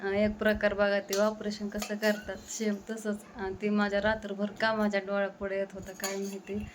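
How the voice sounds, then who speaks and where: A young woman chats at home, worn out and short of breath. Her voice stays flat and even, with little rise or fall. A faint household hum sits behind her. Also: normal speed. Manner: tired, breathless, low-key storytelling. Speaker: vlogger. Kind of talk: casual home vlog chat. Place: home kitchen.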